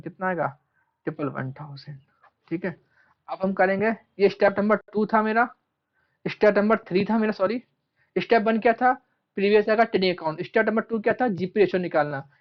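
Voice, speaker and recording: Male teacher, classroom lecture; repeats and stretches key terms; dull recording. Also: sits high. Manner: asks questions and answers them himself, repeats key terms; stretches out terms slowly while writing. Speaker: commerce teacher.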